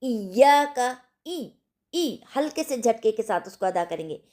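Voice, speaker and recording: A woman teaching an online recitation lesson, repeating sounds slowly and checking whether her students understood. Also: a little high, very animated, mellow. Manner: slow, deliberate, repeats sounds for practice; asks the class if they understood.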